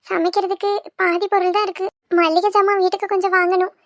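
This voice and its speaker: A woman doing a crafty young wife in a cartoon, wheedling and pleading in a very high, sugary voice. She talks. The sound is close and dry, with no room. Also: little pitch movement, fast, a bit bright, no room sound. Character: cunning young wife, sweet-talking schemer. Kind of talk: cartoon voice acting.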